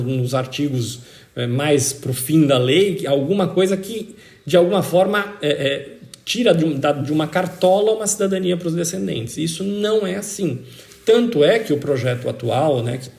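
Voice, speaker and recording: A man with a Brazilian accent, interviewed as a citizenship expert, explains the law in an emphatic, teacherly style, repeating key points for stress. His voice is a little high, gravelly, and darkish, and the recording sounds roomy and echoing.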